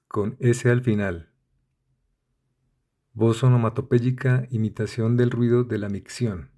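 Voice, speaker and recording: A man reading dictionary entries aloud in a measured way, spelling out the end of each word. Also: medium pitch, warm tone. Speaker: dictionary reader.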